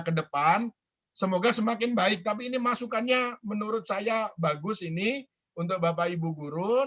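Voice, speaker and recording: Replying to students' suggestions on a video call for an online school forum, a man from the school staff speaks in a high-pitched, somewhat bright voice. He sounds hesitant, often restarting and leaning on fillers.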